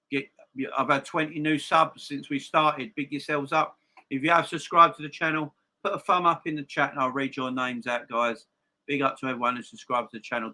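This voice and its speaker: A man with a very bright, forceful voice and a slight gap-toothed lisp chats to viewers as a football stream host. He is emphatic and often repeats a phrase to drive it home. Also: medium pitch. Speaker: football fan channel live stream host. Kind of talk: casual live-stream chat and football opinion, addressing viewers.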